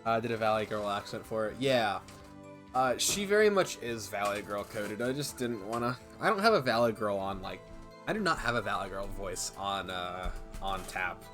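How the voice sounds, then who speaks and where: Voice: medium pitch, animated, normal speed, fairly bright tone, faint music behind. A video game streamer chatting casually with the audience, wry, playful and often breaking off mid-sentence. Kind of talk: casual livestream chat and game commentary.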